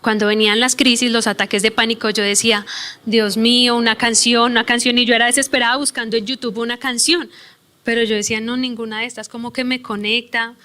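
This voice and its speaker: Woman pastor, sermon with personal testimony, fairly high voice, earnest emotional telling, church. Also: steady tone, bright, forceful tone. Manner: earnest, emotional storytelling, voices her own prayers; reads scripture aloud slowly.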